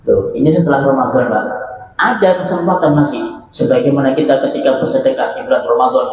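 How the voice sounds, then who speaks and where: A man's voice: mid-range voice, quick pace. A man preaching a sermon, telling stories and acting out small dialogues, often tagging "ya" and "Pak". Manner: lively storytelling, acting out little dialogues, many "ya" and "Pak" tags. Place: mosque hall. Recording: very echoey mosque hall, faint hum.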